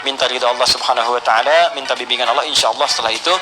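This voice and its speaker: A middle-aged man preaching and answering a question in a sermon, lively, acting out small everyday scenes. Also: medium pitch, rapid-fire, very noisy. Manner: lively, plays out little scenes, chuckles.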